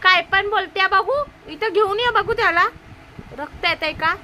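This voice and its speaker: A woman's voice: very high voice, normal speed, pushed and bright, slight background noise. A woman with a Marathi accent playing an aunt in a family comedy sketch, scolding and arguing sharply.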